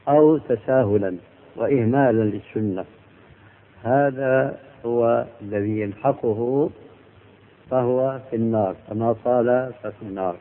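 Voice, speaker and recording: A man explains religious rulings in a deliberate, teacherly way, pausing between phrases and pressing hard on key words. His voice sits in an ordinary middle register. The recording is thin and tinny, as if it came down a phone line. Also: medium pitch. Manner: measured, deliberate explanation with emphatic rises. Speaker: religious scholar answering questions. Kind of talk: religious Q&A lecture.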